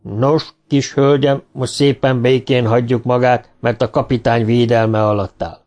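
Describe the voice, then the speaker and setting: A man voicing a burly, swaggering spaceship sailor in an audiobook, gruff and mocking. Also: mid-range voice, little pitch movement, darkish tone, close to an everyday voice. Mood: smug.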